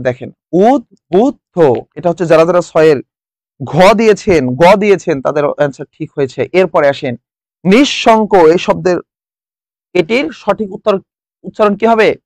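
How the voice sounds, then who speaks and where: A man's voice: sits high, a little mellow, no room sound. A young man from Bangladesh teaching a live exam-prep class online, quizzing students and repeating the answers. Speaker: online tutor.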